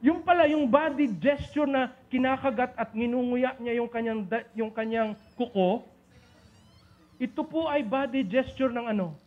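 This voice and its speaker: A man with a very high voice teaches a seminar, playful and teasing, calling on people in the room by name. The recording is dull and lo-fi. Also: moderate pace. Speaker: seminar speaker. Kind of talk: lecture on communication to a live group.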